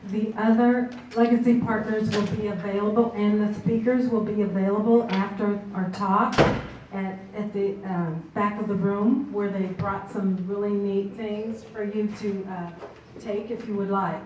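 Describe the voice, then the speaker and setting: A woman's voice: mid-range voice, fairly even intonation, unhurried, darkish tone. A woman moderating a seminar, chatty, with many fillers and restarts, recorded from far off in a meeting room. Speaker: event moderator. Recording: very echoey room from far off, faint noise.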